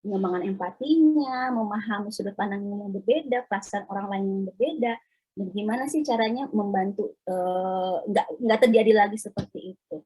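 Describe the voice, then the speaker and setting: A woman in her thirties, a child psychologist, talking chattily to parents in a webinar and acting out children's voices in quick asides. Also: medium pitch, warm tone, breathy edge, poor audio. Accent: Indonesian. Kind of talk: informal webinar talk for parents.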